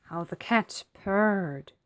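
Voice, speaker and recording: A woman reading a children's picture book aloud, with expressive, dramatic pauses. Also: medium pitch. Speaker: storybook reader.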